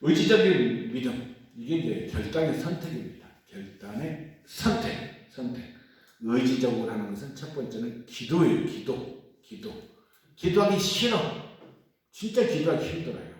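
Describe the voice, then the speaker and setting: Animated man lecturing in an echoey hall. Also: medium pitch, normal speed. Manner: animated, acts out prayers in quoted voices. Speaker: catechism teacher. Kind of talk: catechism lecture. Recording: very echoey room, voice from far off.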